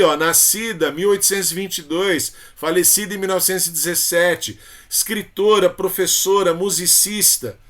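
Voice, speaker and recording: A high-voiced man with a Brazilian Portuguese accent teaches a literature lesson for exam prep. He talks in a chatty, familiar way, checks in with his students constantly and calls them by fond names. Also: fairly bright tone. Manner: chatty, calls students "coração", frequent tag questions.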